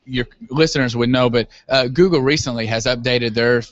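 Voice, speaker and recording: A man with a mid-pitched voice talks as an interview guest. He explains things earnestly and casually, feeling his way through sentences with some hesitation. The audio is muffled and lo-fi. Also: normal speed. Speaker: guest, web business owner. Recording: dull, lo-fi audio.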